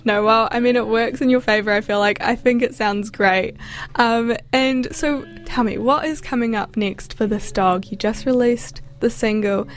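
A woman's voice: fairly high pitch, fairly even intonation, moderate pace. A woman hosting a student radio show, interviewing a guest in a friendly, enthusiastic way with some hesitant phrasing. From New Zealand. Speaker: radio host.

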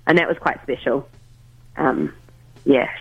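The speaker, a musician guest, is casually interviewed by phone at home while making coffee, and sounds hesitant with many ums and restarts. Their medium-pitched voice is a little slow, with vocal fry and a breathy edge; there's no echo, but the phone line is tinny.

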